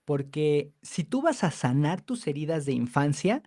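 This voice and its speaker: A man's voice: a little high, very animated, measured pace, dark tone, no room sound, clean studio sound. A man working as a therapist, talking emphatically and repeating phrases for stress in a conversational interview. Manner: acts out clients' voices mockingly. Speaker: biodecoding therapist.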